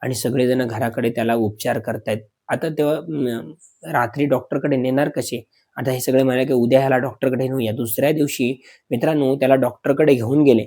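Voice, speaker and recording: A man narrating a spoken horror story, dramatic, calling his listeners friends, with pauses and fillers as he slows for suspense. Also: mid-range voice, fairly even intonation, dark tone.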